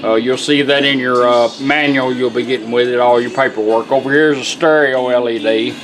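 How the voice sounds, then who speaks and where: A middle-aged radio restorer with a Southern American accent gives a casual, plainspoken product demonstration in a folksy way. His mid-range voice is brisk with fairly even intonation, music plays behind him, and the audio is poor.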